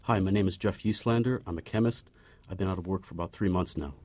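A man in his forties answering radio interview questions in a halting, hesitant way with frequent restarts. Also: low voice, a little mellow. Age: 40s. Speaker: interview guest, unemployed chemist.

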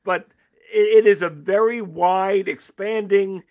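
A man giving political analysis as an interview guest, animated and emphatic, often restarting his sentences. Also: high-pitched, slow.

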